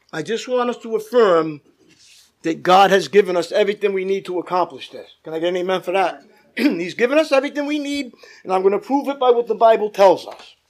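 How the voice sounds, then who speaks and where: A man's voice: sits high, moderate pace, long pauses. A man preaching a church sermon in an emphatic manner, stretching out key phrases and checking in with the congregation. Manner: calls for amens from listeners.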